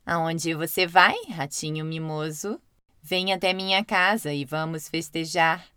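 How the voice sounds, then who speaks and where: A woman narrator putting on a sly, smooth-talking female snake, speaking slowly and sweetly. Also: deep voice, steady tone, sharp tone, no echo, studio quality, voice pushed down. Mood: sly, inviting. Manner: slow, sweet, scheming.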